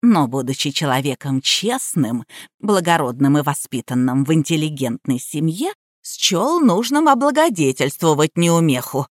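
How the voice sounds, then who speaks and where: A woman's voice: deep voice, big pitch swings, moderate pace, no room sound, studio quality, voice pushed down. A woman voicing an elderly, domineering mother-in-law who speaks in a cloyingly sweet, commanding way. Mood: haughty.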